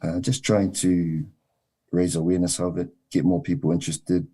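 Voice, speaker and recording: A man from New Zealand, a wrestling coach, answering interview questions in a measured way with frequent ums and uhs. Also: sits low, little pitch movement, warm tone, husky.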